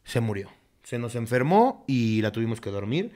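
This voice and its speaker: A man's voice: medium pitch, very animated, normal speed, darkish tone. A young adult man with a Mexican accent co-hosting a casual comedic chat, crude and joking and full of swearing. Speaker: podcast co-host.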